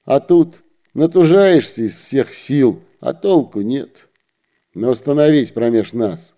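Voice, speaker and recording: A man's voice: medium pitch, expressive, slow, dark tone. A man voicing a fretful peasant woman with a basket of eggs, pleading and wailing in a raised voice.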